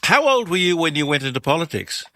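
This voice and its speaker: A man's voice: fairly high pitch, fast, no room sound, clean studio sound. A man hosting an interview, asking questions and encouraging the guest with short interjections. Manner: lively, encouraging, brief interjections. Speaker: interview host. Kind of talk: interview conversation.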